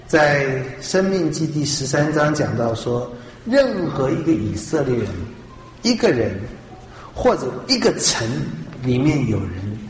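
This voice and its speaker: A man's voice: a little high, very animated, unhurried, a little hiss or hum. Emphatic preacher man in an echoey hall. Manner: emphatic, asks rhetorical questions to the listeners. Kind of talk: sermon. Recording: echoey hall with long reverb.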